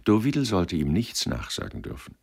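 Male audiobook narrator, extremely low, creaky, lively inflection. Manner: measured, expressive. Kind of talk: audiobook reading of literary fiction.

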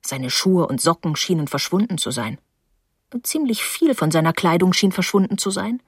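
A woman reading a first-person novel aloud in a quiet, measured storytelling voice. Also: on the low side, big pitch swings, husky, no room sound, clean studio sound. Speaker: audiobook reader. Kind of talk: scripted first-person narration.

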